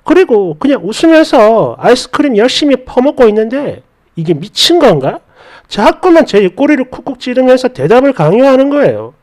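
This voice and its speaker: A man reads a first-person story and its comments aloud with an exasperated edge. His voice sits high for a man and swings widely in pitch, keeping the retelling animated. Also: brisk. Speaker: story narrator.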